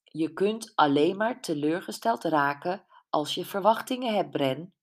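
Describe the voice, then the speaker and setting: A woman voicing Jules, a caring friend who probes gently and a bit knowingly, in an audiobook. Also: on the low side, lively intonation, unhurried. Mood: probing. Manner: gentle but probing, a little know-it-all. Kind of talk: audiobook character voice.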